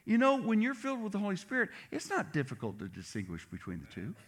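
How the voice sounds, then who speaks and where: Animated male pastor preaching. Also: high-pitched, fast talker. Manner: animated, acts out biblical voices. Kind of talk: sermon.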